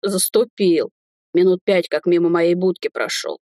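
A woman's voice: lowish voice, a little slow, mellow, no echo, clean studio sound. A woman voicing a flustered young guard. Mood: practical.

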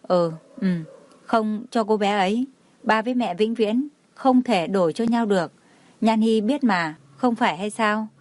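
A woman reading a soft-spoken gentle mother. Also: mid-range voice, unhurried, no echo, lightly acted. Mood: soothing. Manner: soft, soothing. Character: gentle patient young mother.

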